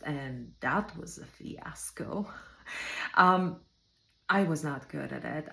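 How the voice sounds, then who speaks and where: Low, slow-spoken Bulgarian-accented woman. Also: roomy sound. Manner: measured and reflective, with frequent ums. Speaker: home care operations leader. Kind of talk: personal career reflection.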